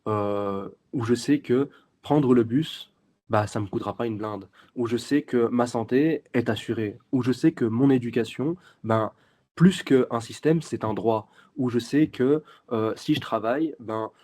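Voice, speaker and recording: A man's voice: medium pitch, a little slow, darkish tone. A 21-year-old man with a Belgian French accent, answering interview questions earnestly as a guest, with many fillers and restarts. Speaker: guest, youth party section president.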